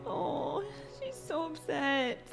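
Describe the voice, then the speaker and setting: A young woman commenting casually on a life-simulation game she is playing, expressive and quick to shriek and laugh. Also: high-pitched, gravelly, over music. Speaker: gaming video host.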